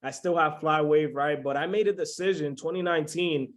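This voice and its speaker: A man's voice: on the high side, brisk. A man in his twenties from the Dominican Republic, hosting a motivational webinar over a video call and keeping the audience engaged. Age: 20s. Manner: hyped, keeps checking in with the audience. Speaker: webinar host.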